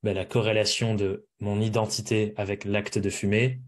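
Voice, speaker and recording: A man's voice: fairly low pitch, flat delivery, moderate pace. Reflective man with an English accent. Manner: reflective, explanatory. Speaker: podcast guest. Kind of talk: casual interview conversation.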